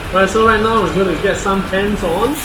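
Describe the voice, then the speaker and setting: A man's voice: sits high, moderate pace, noisy background. A man with a Singaporean accent hosting a casual vlog, speaking colloquially with Singlish particles and tag questions. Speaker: vlog host. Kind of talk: casual vlog chat to viewers.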